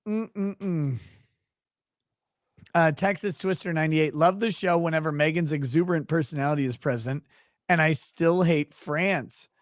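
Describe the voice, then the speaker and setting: A man's voice: fairly high pitch, moderate pace, no room sound, studio quality. A man hosting a casual livestream, reading chat messages aloud and joking crudely.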